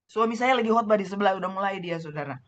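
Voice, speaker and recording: A middle-aged woman pastor from Manado with a Manado Indonesian accent, preaching a sermon over a video call, fervent and swinging between loud exclaiming and hushed asides. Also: mid-range voice, very fast, muffled recording, very noisy. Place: home room, husband preaching next door.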